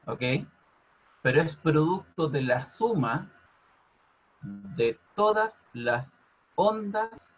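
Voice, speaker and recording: A man teaching a physics class over a video call, constantly checking in with his students by asking if it's clear. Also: on the high side, a bit bright. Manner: checks in with "ok?" after nearly every phrase. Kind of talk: online class explanation. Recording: muffled lo-fi audio.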